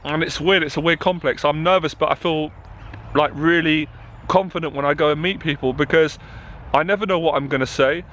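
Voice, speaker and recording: A man's voice: fairly high pitch, fairly even intonation, brisk, fairly bright tone, highs cut off, slight background noise. A man who coaches confidence, talking openly to camera and getting passionate and emotional. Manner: open and emotional, growing passionate. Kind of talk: candid talk to camera. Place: outdoors in a town.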